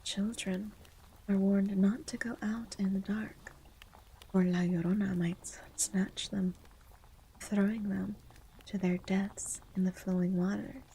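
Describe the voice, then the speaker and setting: A woman streamer whispers almost entirely unvoiced in a low, feminine register, mellow and very level in pitch. She chats and reads legends in a slow, steady, sleepy ASMR style. The audio quality is poor, with slight background noise.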